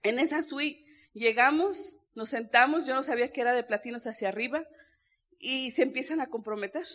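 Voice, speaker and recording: A woman's voice: high voice, a little fast, fairly bright tone. A woman giving an earnest motivational testimony on stage at a business convention, speaking straight to the audience. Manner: earnest, personal, addressing the audience directly. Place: stage before a live audience.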